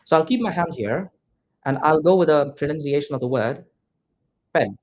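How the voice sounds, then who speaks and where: Slight background noise sits under this man's fairly high, expressive, slightly mellow voice, moving at a moderate pace. An Indian whose first language is Malayalam, he teaches English pronunciation to students in neutralized English, repeating himself plainly and calling them "guys."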